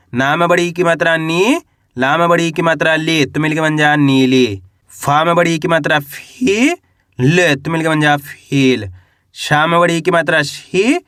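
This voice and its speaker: A man teaching reading and writing, slowly sounding out syllables and asking his listeners questions. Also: a little high, a bit bright, no room sound, studio quality. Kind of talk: Hindi reading and writing lesson.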